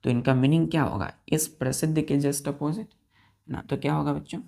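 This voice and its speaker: A woman teacher leads a vocabulary lesson, spelling each word letter by letter and counting the letters aloud. Her low, mellow voice has a gravelly, creaky edge and a steady tone at a moderate pace. She keeps asking her students questions as she goes.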